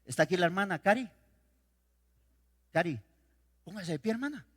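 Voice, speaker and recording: A male pastor preaching a sermon, swinging between loud declarations and quiet storytelling. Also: high voice, expressive, normal speed, breathy edge. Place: church sanctuary. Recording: reverberant church hall.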